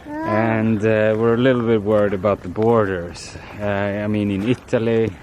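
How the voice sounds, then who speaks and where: A man's voice: on the low side, steady tone, moderate pace, a little mellow. A man in his thirties talking casually for a travel vlog. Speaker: vlogger, travelling parent. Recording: clear outdoor and vehicle background noise.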